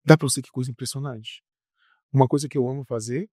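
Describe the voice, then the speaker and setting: A man's voice: mid-range voice, quick pace, no room sound, studio quality. A man, a rock singer, telling stories casually as a podcast guest, full of fillers and repeated words. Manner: animated, repetitive storyteller with frequent fillers. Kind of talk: casual storytelling interview.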